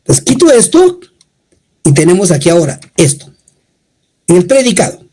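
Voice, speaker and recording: A woman teaching a grammar class, explaining step by step in short phrases and pausing to check the listeners follow. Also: lowish voice, sing-song, dark tone, breathy edge, low-quality recording. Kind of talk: classroom lecture.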